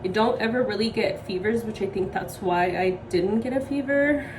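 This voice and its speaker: Here a young woman under the weather films a vlog from home, her throat sore and her breath short, chatting loosely to the camera with plenty of "um" and "like." She speaks in a mid-range voice at an even, moderate speed. She's far from the microphone, and there's noise behind her.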